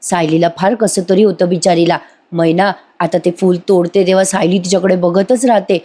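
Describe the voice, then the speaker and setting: A woman's voice: on the low side, steady tone, normal speed, dark tone. A woman narrating a voice-over recap of a TV serial episode, chatty and talking straight to viewers. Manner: chatty storytelling, addresses viewers.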